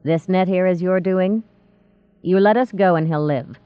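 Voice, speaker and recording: A woman's voice: lowish voice, a little slow, clear, resonant tone, no echo, natural voice. A woman reading the part of a fierce, cruel woman kidnapper who taunts and threatens. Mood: menacing. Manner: menacing, taunting. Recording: tinny phone-like dry sound.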